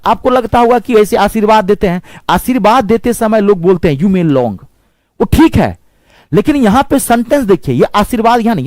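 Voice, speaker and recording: Guy teaching grammar, kinda high voice, super animated, spells stuff out slow. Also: dry recording, rough recording. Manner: lively, drills words slowly with repetition and spelling. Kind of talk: classroom-style grammar lesson.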